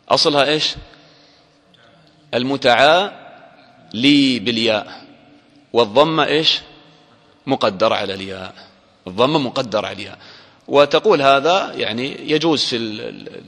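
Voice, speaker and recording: A man teaching a grammar lesson to a class, quizzing listeners with short questions and drawing out example words slowly. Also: medium pitch, fairly bright tone. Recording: long hall reverb.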